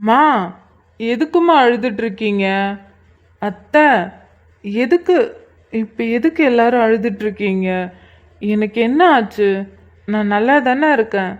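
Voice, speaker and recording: A woman's voice: on the high side, unhurried, pauses often, natural voice. Give me a woman as a teasing, soothing young husband for a cartoon, in a muffled lo-fi recording. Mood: reassuring. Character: playful reassuring young husband, injured. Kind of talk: cartoon voice acting.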